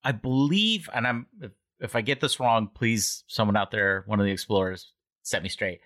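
A man co-hosting a casual podcast about books, rambling along and often correcting himself mid-sentence. His voice is lowish, with a bright, forward tone. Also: moderate pace. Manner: rambling, self-correcting, animated. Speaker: podcast co-host. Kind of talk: casual book club chat.

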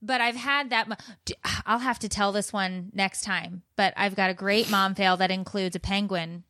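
A woman's voice: medium pitch, steady tone, normal speed, bright, forceful tone, no echo. A woman co-hosting a parenting podcast in casual banter, joking and exaggerating in a supportive way. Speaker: podcast co-host and mother.

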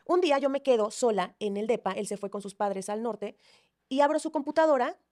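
Woman guest, quick and animated storyteller, slightly high voice, acts out quotes. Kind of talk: emotional personal storytelling.

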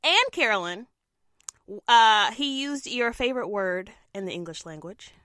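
A woman's voice: a little high, animated, a little slow, sharp tone, no echo, studio quality. A young woman co-hosting a casual podcast, with a throaty, nasal voice, chatting and laughing often. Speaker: podcast co-host and TV news reporter.

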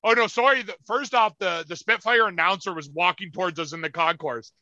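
High, bright-voiced man telling stories. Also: fairly quick, no room sound, highs cut off. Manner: animated, profane, acts out quotes in loud voices. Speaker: podcast co-host. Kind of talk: casual storytelling chat.

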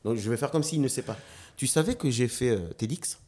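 A man, a dancer and slam artist, chatting as a guest in an interview, telling animated stories and acting out quotes, with frequent restarts. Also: mid-range voice, a little fast. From New Caledonia. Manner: animated storyteller, acts out quotes, stammers on restarts. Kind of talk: casual interview chat.

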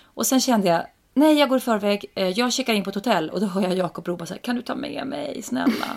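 A woman in her forties, a guest in a casual podcast chat, telling frank, self-mocking stories and acting out what people said. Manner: lively storyteller who acts out quotes with a raised pitch.

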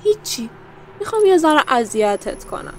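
A woman's voice: a little high, lively intonation, slight background noise, natural voice. A woman playing a cruel, taunting female captor in a horror audio drama, menacing and mocking. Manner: taunting, cackling laughs, menacing.

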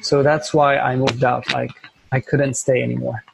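A young Syrian man with a Syrian Arabic accent speaks English as a second language, his mid-range, gravelly voice staying fairly flat at a moderate pace over background noise. He's an interview guest and volunteer teacher, talking earnestly in conversation and repeating phrases as he hunts for words.

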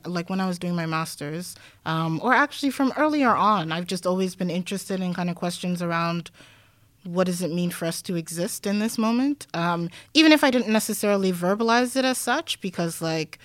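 A woman with a fairly low voice who grew up in Denmark speaks as a guest on a podcast. She thinks aloud, stringing her points together with "like" and "um," and slips in wry, joking asides. The sound is close and dry, with no room around her. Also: fairly quick, no echo. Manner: reflective, thinks aloud with frequent "like" and "um"; laughs easily, wry asides. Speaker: guest scholar. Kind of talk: conversational podcast interview.

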